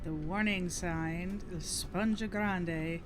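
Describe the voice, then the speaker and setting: A woman's voice: on the low side, fairly even intonation, slow pace, noisy background. A woman giving casual live commentary as she plays through a game. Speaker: game streamer.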